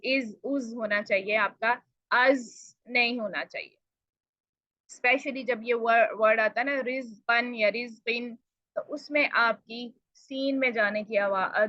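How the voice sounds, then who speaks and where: A woman teaching a recitation lesson, explaining patiently and repeating each sound slowly to demonstrate it, with polite address. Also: fairly high pitch, bright, forceful tone, no echo, highs cut off. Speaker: tajweed teacher. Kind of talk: recorded pronunciation lesson.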